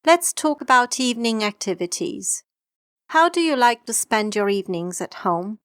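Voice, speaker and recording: A woman's voice: a little high, sing-song, normal speed, no room sound, clean studio sound. A woman playing an exam examiner, asking scripted questions politely and formally.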